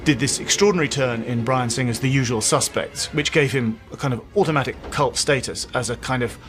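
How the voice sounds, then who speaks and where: A man's voice: medium pitch, fairly quick, music in the background. A man interviewed as a commentator, speaking in an articulate, emphatic way. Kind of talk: documentary interview.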